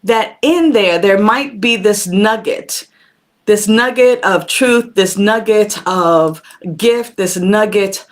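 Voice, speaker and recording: A minister and show host speaks slowly at a medium pitch during her live-streamed spiritual talk. She addresses viewers by name and uses a conversational preaching style full of emphatic repetition, recorded through a camera mic.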